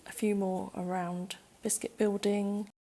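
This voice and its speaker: A woman casually narrating a tour of her sketchbook in a relaxed, chatty way with frequent ums. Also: medium pitch, measured pace. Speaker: sketchbook vlogger.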